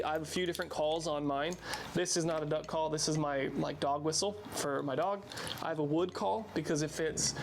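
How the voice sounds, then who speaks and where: A man in his thirties explaining things in a casual, informal, plain-spoken how-to style, sometimes repeating words for emphasis. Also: a little high. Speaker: instructor, duck hunter. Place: outdoor covered patio at night. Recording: clear outdoor background noise.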